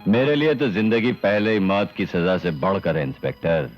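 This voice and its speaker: Actor as a bitter captive, very deep, grave, muffled vintage sound. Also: male voice, normal speed, lightly acted. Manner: grave, resigned. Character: bitter captured gunmaker, weary and defiant. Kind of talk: 1980s Hindi film dialogue. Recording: dull old film soundtrack with music.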